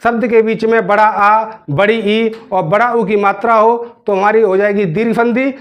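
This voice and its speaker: A man teaching a grammar lesson, asking questions and answering them himself and repeating words slowly as he spells them out. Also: high voice, steady tone.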